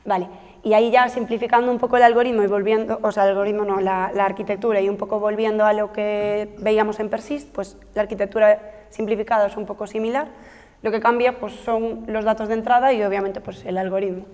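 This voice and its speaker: Speaking quickly and flatly, a woman researcher with a mid-range, darkish voice explains a technical project to trainees, often filling pauses and correcting herself. Long hall reverb colors the recording.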